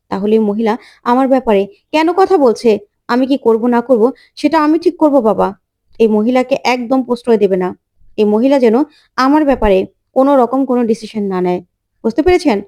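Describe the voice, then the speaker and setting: A woman's voice: fairly high pitch, lightly acted. A woman voicing a furious, defiant teenage girl, reading her lines sharply and indignantly in a serial retelling. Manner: sharp, indignant, rising to shouts.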